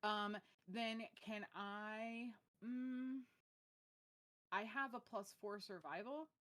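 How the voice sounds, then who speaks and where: A woman's voice: medium pitch, steady tone, slow pace, a bit bright. A woman playing a tabletop game, asking lots of questions with a frequent "like". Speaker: player. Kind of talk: casual chat during a tabletop game.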